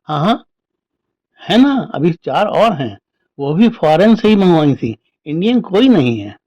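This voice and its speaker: A man's voice: on the high side, sing-song, measured pace, a little mellow, husky, no echo, dull audio, heavily acted. A man voicing a pampered middle-aged woman who dotes on her cats and whines about her illnesses, speaking in a coaxing, doting way. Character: pampered middle-aged woman, whiny hypochondriac cat lover.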